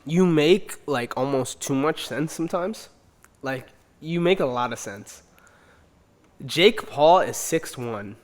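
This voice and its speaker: A man's voice: a little high, lively intonation, slow pace, big-room sound. A young man co-hosting a casual sports podcast, emphatic and argumentative, repeating lines for effect. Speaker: podcast co-host.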